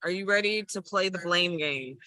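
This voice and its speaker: Brisk bright-voiced woman podcast host. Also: on the low side, no echo. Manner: brisk, keeps things moving. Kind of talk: casual interview.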